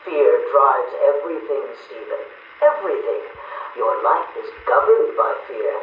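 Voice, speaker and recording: An actor playing a cold, taunting male psychiatrist turned villain, heard as a cassette tape recording with a calm, mocking, probing manner. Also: medium pitch, moderate pace. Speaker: doctor and asylum patient. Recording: tinny, echoey tape with faint hiss.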